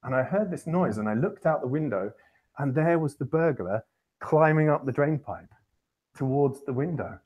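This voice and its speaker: A man's voice: fairly high pitch, animated, normal speed, darkish tone, dull audio. A man hosting a podcast, telling a long personal anecdote in a rambling, self-correcting way with wry chuckles. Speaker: podcast host. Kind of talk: casual anecdote storytelling.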